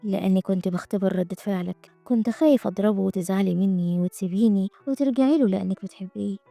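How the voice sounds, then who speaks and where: A woman with an Egyptian Arabic accent voicing a cold, scheming young man who speaks quietly and calmly. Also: mid-range voice, quick pace, vocal fry, dry recording, faint music behind, voice pushed down, lightly acted. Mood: calm menace. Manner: quiet and calm, menacing.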